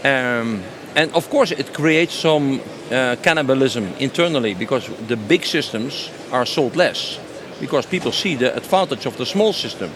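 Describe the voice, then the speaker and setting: A mid-range, animated male voice speaks at normal speed with few pauses. The man, a company sales director in his 50s, gives spontaneous, enthusiastic interview answers at a trade show stand, stressing and repeating phrases, and the noisy exhibition setting is clearly audible.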